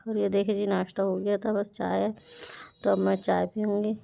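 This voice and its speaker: Chatty woman with a gravelly voice. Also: mid-range voice, little pitch movement, dull audio. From India. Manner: chatty, homely, fills pauses with "jo hai na". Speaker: vlogger. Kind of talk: casual home vlog narration.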